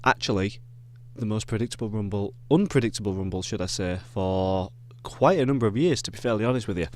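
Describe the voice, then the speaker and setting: Yorkshire guy chatting wrestling picks, kinda low voice, lots of ums and restarts. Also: fairly quick, darkish tone. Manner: rambling, many ums and self-corrections. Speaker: wrestling reviewer. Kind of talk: casual predictions chat.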